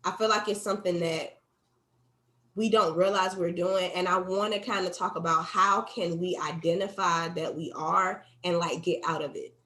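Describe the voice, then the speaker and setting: A woman in her thirties, a podcast co-host, telling a heartfelt personal story in casual chat, animated and quick to laugh. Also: on the low side, roomy sound. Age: 30s. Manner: animated, quotes herself and her son, laughs often.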